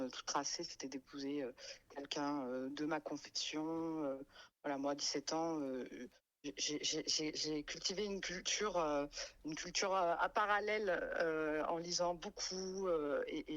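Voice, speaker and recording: A Frenchwoman in her late thirties tells her life story in a radio studio, her hesitant testimony full of fillers, pauses and repeated words. Her voice is deep yet fairly bright, and the recording sounds rough.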